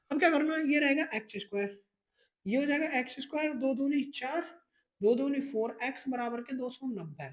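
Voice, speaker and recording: High-voiced teacher walking through math steps. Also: rough recording. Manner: addresses students as children, keeps checking in with "ठीक है"; repeats and restates each step slowly. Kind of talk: step-by-step board exam math lesson.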